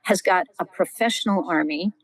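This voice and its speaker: A middle-aged woman, an Old Testament scholar appearing as a podcast guest, teaches through lively, vivid storytelling full of exclamations. Her voice is fairly low and her pace moderate, though the audio quality is poor.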